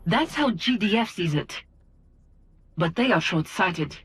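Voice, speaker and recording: A woman playing a resolute military faction officer in a video game briefing, with a husky voice. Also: lowish voice, expressive, a little slow, heavily acted. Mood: solemn conviction.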